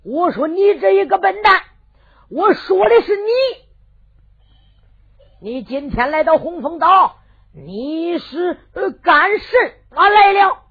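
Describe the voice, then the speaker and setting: A woman's voice: very high voice, animated, slow pace, pauses often, voice pushed up, exaggerated voice. A woman playing a blustering bandit chief with a Henan accent. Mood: scolding. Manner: scolding, shouting demands. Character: blustering male bandit island chief, arrogant. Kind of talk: sung storytelling with dialogue. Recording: tinny lo-fi recording with faint fiddle music.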